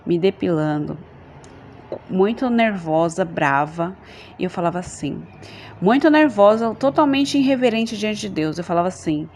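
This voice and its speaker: A woman's voice: mid-range voice, lively intonation, moderate pace, darkish tone, slight background noise. A woman from Brazil with a Brazilian Portuguese accent, giving an earnest religious testimony to her congregation and often checking in with her listeners. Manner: earnest, addresses listeners as brothers, frequent tag questions. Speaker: church member giving testimony.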